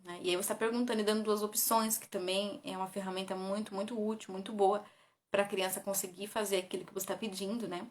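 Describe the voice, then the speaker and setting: A woman with a Brazilian Portuguese accent, a parenting educator, giving tips in a casual, conversational way and often tagging her sentences with a question. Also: medium pitch. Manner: conversational, often ends with "né?", reads from notes.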